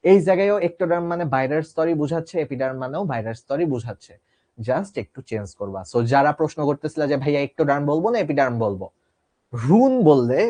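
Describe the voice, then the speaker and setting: A young man from Bangladesh giving a casual, chatty biology lesson, often checking that students follow. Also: a little high. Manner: lively, chatty, asks "ঠিক আছে?" often. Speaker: biology teacher.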